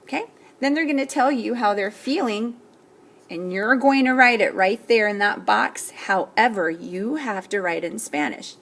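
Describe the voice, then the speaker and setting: A woman teacher slowly explaining an assignment to students step by step, often checking in with "okay?". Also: medium pitch, fairly bright tone. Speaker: Spanish teacher. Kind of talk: recorded classroom lesson.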